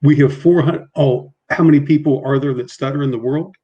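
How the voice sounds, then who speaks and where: This middle-aged man's voice sits on the high side with fairly even intonation, and the audio has its highs cut off. Appearing as a guest on a casual video call, he stutters mildly, speaking haltingly with frequent repeats and restarts.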